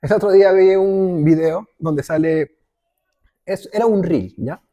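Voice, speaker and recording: A man's voice: sits high, measured pace, warm tone. A male pastor preaching a sermon in a conversational way, often checking in with the congregation and briefly acting out little quotes.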